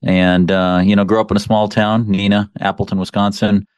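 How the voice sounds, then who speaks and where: A man from the American Midwest, a physician guest on a radio interview, speaking in a measured way with frequent pauses. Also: on the low side, flat delivery, a little mellow, smooth, no echo. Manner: measured, many uh fillers.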